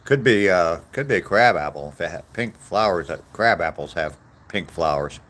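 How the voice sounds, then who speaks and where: Out on a walk, a vlogger in his sixties reads his live chat and answers viewer comments in a casual, rambling, self-deprecating way that meanders along. His voice is deep, expressive and a bit bright, and he keeps a moderate pace.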